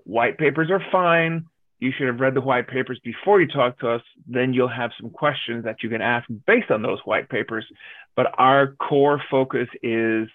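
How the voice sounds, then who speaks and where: A Danish man appearing as a guest business advisor answers interview questions over a video call, speaking directly and emphatically and laying out his points as a list. His voice sits in the mid-range, and the dry recording comes through a tinny, phone-like line.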